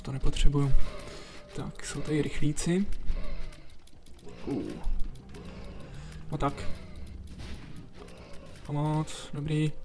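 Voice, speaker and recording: A man giving relaxed let's play commentary, chatting to himself and to the enemies as he plays. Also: a little high. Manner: chatty, talks to himself and to enemies while playing. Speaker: gameplay commentator. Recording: faint background game music. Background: game music.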